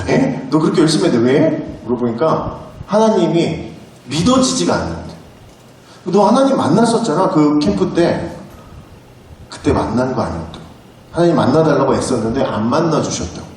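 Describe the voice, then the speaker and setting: Guy preaching a sermon in a big echoey church, higher voice, tells stories, pretty far from the mic. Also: a little mellow, slight background noise. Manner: storytelling, acts out dialogue. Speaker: pastor. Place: church sanctuary. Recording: very echoey hall, distant mic.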